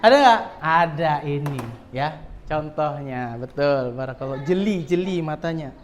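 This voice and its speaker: A teacher leads a lesson in a classroom full of children, with a voice of middling pitch. The delivery keeps turning into quick questions to the pupils, checking they follow along. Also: lively intonation, a faint crowd, slight background noise. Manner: quizzes pupils often, with frequent tag "ya".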